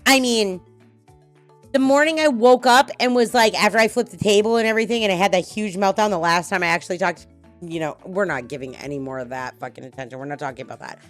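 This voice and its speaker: A middle-aged woman hosts a podcast in a loose, chatty way, blunt and quick to swear. Her voice sits mid-range for a woman. Her stories rush and swing with energy, and soft music plays faintly behind her. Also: medium pitch. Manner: blunt, swearing, animated storytelling. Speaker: podcast host. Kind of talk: casual podcast talk.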